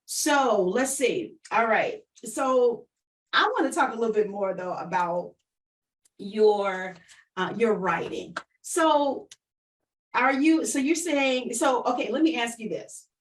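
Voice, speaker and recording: A woman hosts a casual livestream interview, talking conversationally and straight to viewers, often repeating her phrases. Her voice is a little high and slow, and she sits far from the mic, so the audio is poor.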